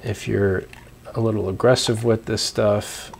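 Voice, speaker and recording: A young man hosting a homebrewing video, casually explaining and demonstrating parts in a relaxed way with fillers and restarts, recorded on a lapel mic in a small room at home. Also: lowish voice, measured pace, creaky, a little hiss or hum. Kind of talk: casual show-and-tell demonstration.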